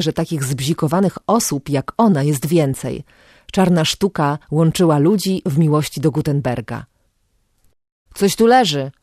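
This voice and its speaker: An audiobook narrator reading a novel aloud in an even, measured way. The voice sits at a middle pitch. The recording is dry and close. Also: no echo.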